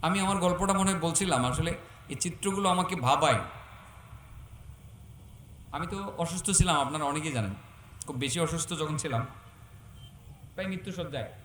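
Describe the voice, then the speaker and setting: A man preaching a waz sermon, swinging between loud exhortation and soft storytelling. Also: fairly high pitch. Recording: echoey and distant, faint hum.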